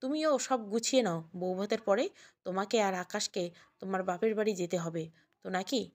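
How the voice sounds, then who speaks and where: A woman voicing a firm older father-in-law in an audio story, speaking calmly and with authority. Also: brisk, lightly acted. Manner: firm, lowered, calm.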